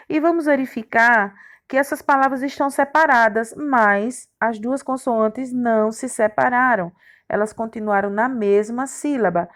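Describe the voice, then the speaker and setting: A woman teaching a recorded lesson for young schoolchildren, her voice sitting a little high. She takes it slowly and patiently, sounding out each letter and syllable clearly. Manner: slow, spelling out letters and syllables for children. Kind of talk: recorded remote grammar lesson.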